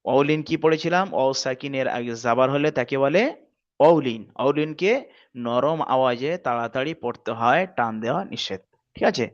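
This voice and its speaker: A man teaching a reading lesson, patiently drilling letter sounds with his students and praising them. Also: mid-range voice. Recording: dull lo-fi audio.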